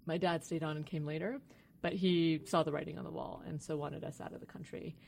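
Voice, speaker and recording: Gravelly low-voiced woman scientist guest. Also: steady tone, brisk, darkish tone, a little hiss or hum. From Iran. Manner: thoughtful, hesitant, with fillers. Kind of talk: podcast interview.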